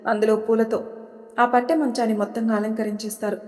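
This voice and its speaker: A woman storyteller narrating an audio story in a steady, plain way. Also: a little high, a little fast. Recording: long hall reverb.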